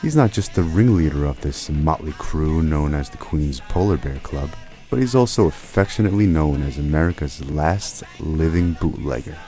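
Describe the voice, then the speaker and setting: A man's voice: a bass voice, moderate pace, dark tone, soft background music. A man narrating a documentary in a wry, mock-grand scripted style.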